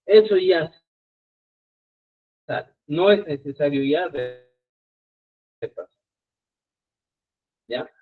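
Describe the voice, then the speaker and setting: Male teacher, live online lesson, patient and full of check-ins, slightly high voice, phone-like sound. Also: animated, slow pace, long pauses. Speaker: language teacher. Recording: tinny phone-like audio.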